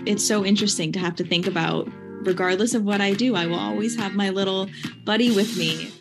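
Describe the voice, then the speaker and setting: A woman's voice: medium pitch, steady tone, fairly quick, vocal fry. Young woman talking over prominent music. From California. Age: late 20s. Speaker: pet owner interviewed. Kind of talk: conversational personal account.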